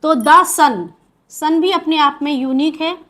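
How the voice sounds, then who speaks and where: A woman's voice: high-pitched, slow, fairly bright tone. A woman with an Indian accent teaching English grammar in a video lesson, asking questions and answering them herself.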